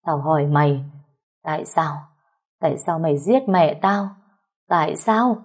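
An enraged young man growls and shouts his threats through clenched teeth, as a woman narrator acts him out. The voice is dark and husky. It is an audio story read by one narrator. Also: fairly low pitch, animated, a little slow. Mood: anguished.

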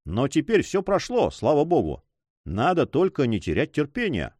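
A man voicing a gruff, loyal sailor who speaks bluntly. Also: on the high side, huge pitch swings, normal speed, darkish tone, no room sound, studio quality.

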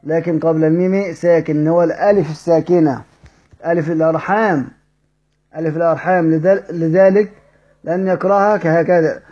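A man with an Egyptian accent teaching the rules of Quran recitation. He asks his students questions, answers them himself and chants verse examples slowly. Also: a little high, steady tone, warm tone, slightly rough. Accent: Egyptian Arabic. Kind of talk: recorded tajweed lesson. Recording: dull lo-fi audio recording.

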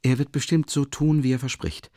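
A man reading an audiobook voices a calm, resolute young woman who speaks in a measured, reassuring way. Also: medium pitch, no echo, clean studio sound, pitched above the performer's own voice, natural voice. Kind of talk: audiobook character voice.

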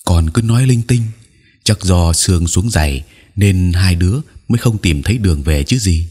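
A man's voice: low voice, animated, normal speed, mellow, husky, faint music behind. A man voicing a worried mother who scolds sharply. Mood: scolding.

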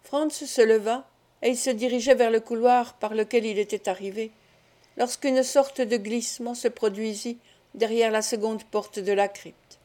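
A woman reading a classic novel aloud as an audiobook, in a measured, expressive way. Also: fairly high pitch. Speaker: audiobook narrator. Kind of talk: scripted narration of a classic novel.

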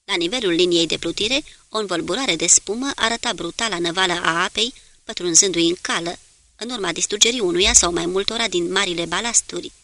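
A woman narrating a war novel as an audiobook, in a steady, measured storytelling manner. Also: fairly low pitch.

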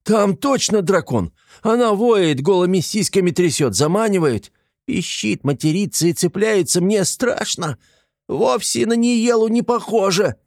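A man's voice: mid-range voice, lively intonation, moderate pace, dry recording, studio quality, voice pushed up, close to an everyday voice. A man voicing a small, cheeky male shortling creature who grumbles and bleats when frightened. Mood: panicked. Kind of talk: audiobook character voice.

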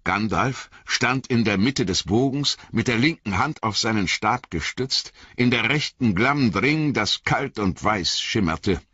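A man reading a fantasy novel aloud as an audiobook narrator, in a measured, dramatic way. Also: on the low side, lively intonation, pushed and bright, breathy edge, no room sound, lo-fi sound.

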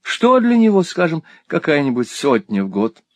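A man's voice: on the high side, wildly swooping pitch, normal speed, no echo, voice pushed up. A man reading an audiobook, voicing a chatty, shrewd middle-aged spinster painter who gossips and exclaims.

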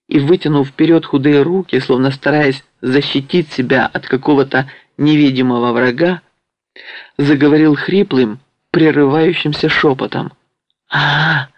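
Slow, gravelly male audiobook narrator. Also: mid-range voice, dry recording. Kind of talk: scripted narration of a historical novel.

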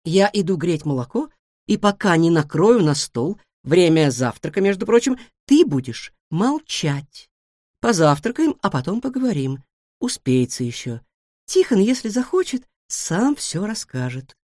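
A woman voicing a firm, motherly grown female cat in a storybook, calm but bossy. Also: fairly low pitch, measured pace, no room sound, clean studio sound. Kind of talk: storybook reading.

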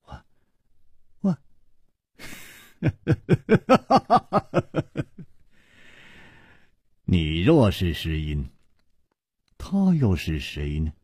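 A man's voice: low-pitched, wildly swooping pitch, extremely slow, long pauses, a little mellow, breathy edge, dry recording, clean studio sound, pitched below the performer's own voice, heavily acted. A man voicing a panicked young noblewoman who stammers her denials in a storytelling broadcast. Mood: trembling. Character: young female noble, frantic and denying.

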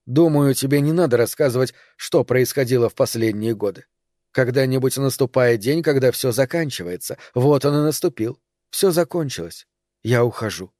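A weary, resolved woman, as a male audiobook reader puts her on, speaking quietly and firmly in a tired voice. The recording is dry and close. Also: mid-range voice, normal speed, no room sound, close to an everyday voice. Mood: resigned. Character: weary woman calmly ending a relationship.

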